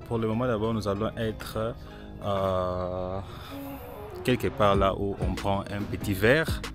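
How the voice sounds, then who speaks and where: Vlogger, music behind. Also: male voice, fairly low pitch. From Congo (DRC). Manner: chatty, switches between French, Lingala and English. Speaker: vlogger and interviewer. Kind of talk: casual vlog interviews. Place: outdoors at a riverside resort.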